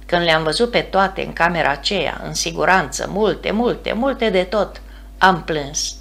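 A woman's voice: fairly low pitch, gravelly, fairly bright tone. A woman reading the part of a man who speaks earnestly and with emotion. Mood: moved. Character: man, shaken believer hiding forbidden books.

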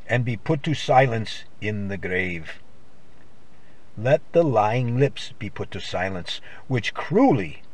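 A male preacher with a medium-pitched voice recites a psalm in the solemn, declamatory manner of old-time gospel radio, his delivery archaic and scriptural. There is no echo.

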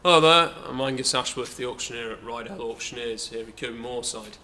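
A young English auctioneer, hesitant and chatty with plenty of fillers, informally previews his sale while walking through a large indoor saleroom. The camera mic captures a mid-range voice that is fairly quick, bright, and forceful, plus a little hiss or hum.

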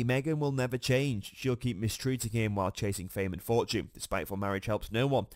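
A man's voice: medium pitch, dry recording. A man hosting a gossip channel, reading scripted commentary in a snarky, mocking manner.

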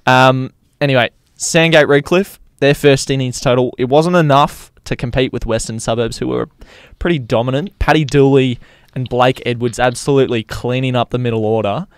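Australian male sports co-host, conversational, clear tone, very little room sound. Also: mid-range voice, steady tone, normal speed, no room sound, clean studio sound. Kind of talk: casual sports chat and match recap.

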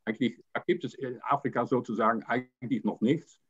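A slightly rough, medium-pitched voice belongs to an older man taking part as a guest in a video-call panel discussion. He talks haltingly with many fillers and repeated words, from a home room with a painting, through a webcam with dull lo-fi audio.

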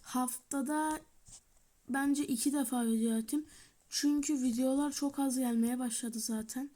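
A woman giving chatty let's-play commentary, talking to her viewers, shouting in bursts and muttering softly as she plays. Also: high voice, steady tone, unhurried. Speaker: gaming channel host. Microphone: tablet or phone mic.

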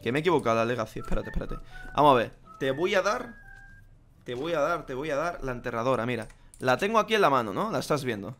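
A young man with a Spain Spanish accent, talking through a game over voice chat, haggling and bursting into rapid repeated shouts. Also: medium pitch, big pitch swings, soft background music. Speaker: gaming streamer. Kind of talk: live gaming commentary with voice chat.

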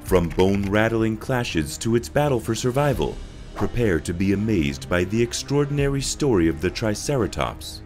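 Animated low-voiced male documentary narrator. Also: moderate pace, soft background music.

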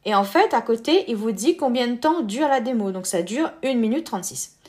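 A woman's voice: a little high, lively intonation, a little fast, a little mellow. A woman hosting an app tutorial, explaining each step casually with filler words.

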